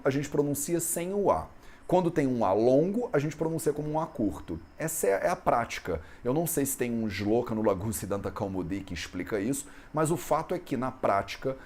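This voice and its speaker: Lively Brazilian man teaching a lesson. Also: mid-range voice. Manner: conversational, frequent "né?" tag questions. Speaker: Ayurveda teacher. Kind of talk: explanatory lesson on Sanskrit texts.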